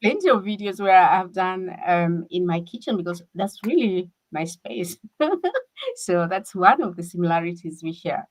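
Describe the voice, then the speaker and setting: A woman from Kenya, talking as a guest in a casual conversation over a video call. She speaks haltingly and restarts her sentences often. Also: on the low side, rough recording. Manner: halting, with many repeated restarts.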